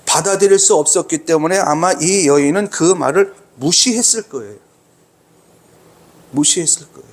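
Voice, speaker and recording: Man, pastor, sermon, high voice, emphatic, repeats phrases. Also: normal speed.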